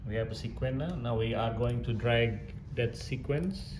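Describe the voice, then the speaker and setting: A man with a mid-range voice speaks at a normal speed, giving an informal, step-by-step tutorial on audio digitisation software. He's an instructor working in an echoey room where background noise is clearly audible.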